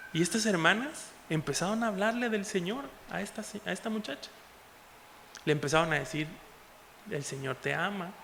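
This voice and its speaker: A man with a Mexican Spanish accent preaching an impassioned sermon as a pastor, moving between loud exhortation and soft asides. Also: high-pitched, creaky. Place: church hall. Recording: echoey church hall.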